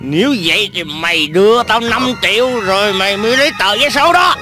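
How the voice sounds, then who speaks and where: A brash scheming swindler. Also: male voice, sits high, expressive, a little fast. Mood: bossy. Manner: brash, bickering, melodramatic. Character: scheming young male lottery swindler. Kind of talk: comedy sketch acting. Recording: music playing behind.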